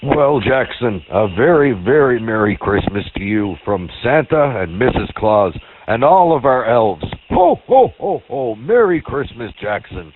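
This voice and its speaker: A jolly old Santa Claus, put on by a man, speaking over a two-way radio that makes him thin and tinny. His hearty ho-ho-hos leap high, and his pitch swings widely. There's a faint hiss on the channel. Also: big pitch swings, a little slow. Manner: hearty ho-ho-ho laughs, jovial. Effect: two-way radio transmission.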